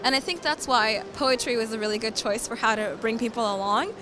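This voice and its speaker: In an interview about her poetry, a young climate refugee advocate from Sudan, brought up in Philadelphia, speaks a little fast in a slightly high voice. Her answers are earnest and thoughtful, with frequent repeated words. Music sits clearly beneath the recording.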